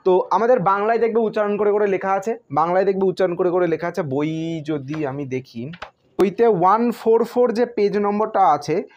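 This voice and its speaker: Man, teacher, high voice, spells out words letter by letter, repetitive, muffled lo-fi recording. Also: quick pace, darkish tone. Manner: repeats and spells out terms letter by letter. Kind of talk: classroom science lesson. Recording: dull lo-fi sound.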